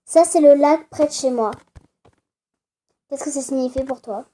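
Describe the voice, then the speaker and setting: A woman's voice: high-pitched, normal speed, dark tone, natural voice. Woman reading a friendly young dating-game woman. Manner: reads the on-screen lines plainly.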